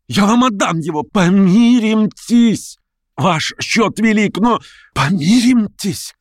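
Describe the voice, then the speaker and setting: A man narrating a literary novel in a steady, even storytelling manner. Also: lowish voice, no room sound, clean studio sound. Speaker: audiobook narrator.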